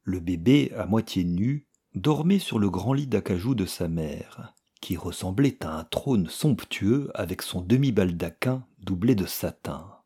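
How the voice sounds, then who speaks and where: A man narrating a literary story in a measured, grave way. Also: low-pitched, animated, dark tone, husky.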